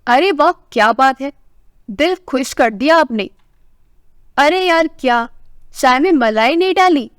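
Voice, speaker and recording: A woman's voice: high voice, animated, a little slow, pauses often, no room sound, studio quality. A woman voicing a playful husband in his sixties who teases and coaxes his wife in a family story. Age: 60s. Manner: teasing, coaxing.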